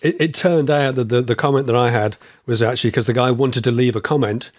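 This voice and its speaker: Casting: male podcast host, a bit wheezy and croaky, rambling casual talk, very dry close sound. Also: mid-range voice, steady tone, fast, dry recording. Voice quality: slightly wheezy, a little croaky. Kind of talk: casual chat.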